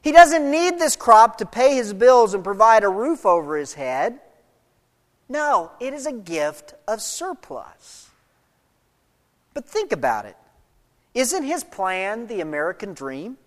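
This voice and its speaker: A pastor preaching a sermon to a congregation in an emphatic, animated way, with chatty asides and a cough from allergies. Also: mid-range voice, slow. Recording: long hall reverb.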